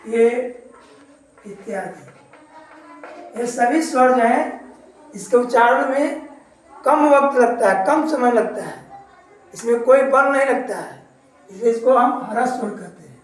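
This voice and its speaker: A woman teacher explains a lesson at an unhurried pace, going over each point twice. Her voice sits a little high. She sounds distant from the microphone in a strongly echoing room. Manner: slow and explanatory, repeats points. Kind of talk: Hindi grammar lesson. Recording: very echoey room, far from mic.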